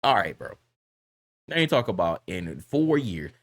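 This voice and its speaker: Male reaction host, casual and heated, blunt slang, lowish voice. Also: big pitch swings, measured pace.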